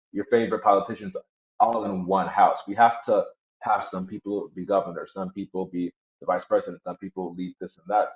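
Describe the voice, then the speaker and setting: A man speaking as a guest in a casual political chat, blunt and emphatic, now and then laughing mid-sentence, over a video call. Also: low-pitched. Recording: echoey, dull remote audio.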